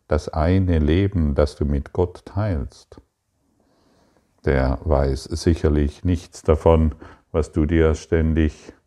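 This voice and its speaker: A man giving a spiritual teaching, reading passages aloud and answering his own rhetorical questions in a deliberate way. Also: a bass voice, mellow.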